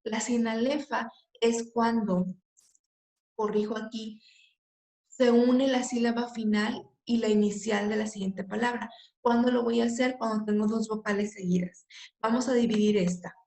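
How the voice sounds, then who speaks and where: Female teacher, raised voice with a gravelly edge, echoey room. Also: on the high side, steady tone, normal speed, a little mellow. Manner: patient, checks in with "ok?" often. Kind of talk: lesson on poetry metrics.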